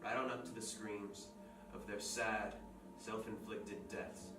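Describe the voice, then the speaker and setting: A man plays a storyteller who spins a bleak fairy tale in a slow, deliberate voice. He is heard from far off on a roomy, echoing stage, with guitar music playing clearly behind him. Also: on the low side, flat delivery. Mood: somber storytelling. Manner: measured, dark, deliberate storytelling. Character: grim storyteller telling a dark fairy tale. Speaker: actor playing Katurian.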